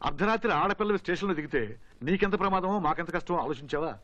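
An actress playing a bossy, sharp-tongued middle-aged mother who snaps orders. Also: lowish voice, racing, muffled recording, close to an everyday voice. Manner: bossy, snapping.

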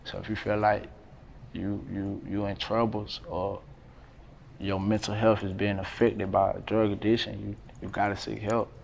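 A young man in his twenties with a drawl speaks in a low voice, loose and full of slang and fillers. He sits indoors by a brick wall, and a faint room hum sits behind him. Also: normal speed, vocal fry. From North Carolina, USA. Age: 20s. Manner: relaxed slangy talk, many fillers. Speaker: rapper, interview guest. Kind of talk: casual interview talk.

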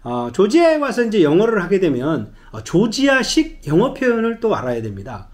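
A middle-aged man talks through a casual language lesson in a high, lively voice. He chats along with plenty of fillers and acts out bits of dialogue. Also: moderate pace. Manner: chatty storytelling with many fillers, acts out dialogue. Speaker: travel guide teaching phrases.

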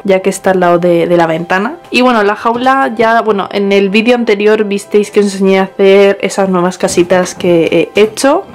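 A young woman who runs a pet vlog shows viewers around her bedroom on a small handheld camera. She's chatty and slightly mellow at a medium pitch, with plenty of restarts and self-corrections along the way.

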